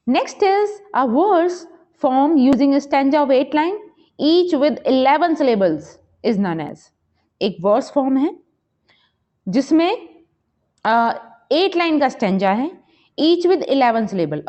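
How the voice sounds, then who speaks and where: A woman teacher running a quiz lesson, reading questions slowly and explaining quickly. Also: high-pitched, very animated, dark tone, highs cut off. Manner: reads questions slowly, explains quickly in Hindi-English mix. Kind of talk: exam-prep quiz lesson.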